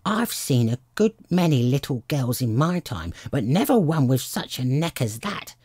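Shrill pigeon, high-pitched, agitated, scolding, husky edges, indignant complainer. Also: sing-song, moderate pace, darkish tone, dry recording, studio quality. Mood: scornful. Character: agitated, scolding female pigeon, frantic and contemptuous.

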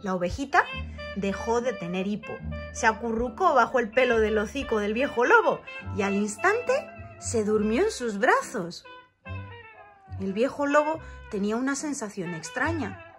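A woman's voice: on the high side, normal speed. A woman expressively reading a children's story aloud as storyteller, with music playing behind. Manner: expressive, varied delivery.

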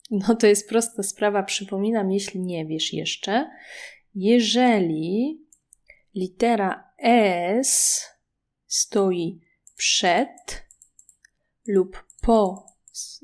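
A woman with a Polish accent teaching French in a slow, patient lesson, drawing out the words for learners to repeat. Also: mid-range voice, a little mellow.

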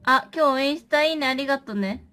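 A young woman hosting a casual livestream in a very high, bright voice. She talks playfully to her viewers and reacts to them with animated exclamations. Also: brisk. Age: young adult. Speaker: livestream host. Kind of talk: casual chat with viewers during a makeup stream. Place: small indoor room.

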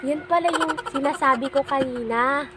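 A young woman vlogging in casual chat, with a small soft voice and frequent giggles. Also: sits high, normal speed, heavy background noise. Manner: giggly, laughs often.

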